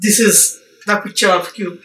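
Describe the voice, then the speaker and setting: A man's voice: high-pitched, little pitch movement, drawn-out words, fairly bright tone. A man from India teaching English vocabulary, spelling each word out letter by letter and explaining it patiently. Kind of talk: vocabulary lesson for learners. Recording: echoey room, voice from a distance.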